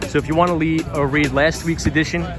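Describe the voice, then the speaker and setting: At night on a windy city street, a man hosts an outdoor live stream, chatting casually while walking and reading out viewer comments in a friendly way. His voice is fairly high, steady and fast, though slightly tired. A crowd can be heard, and clear music plays behind the stream.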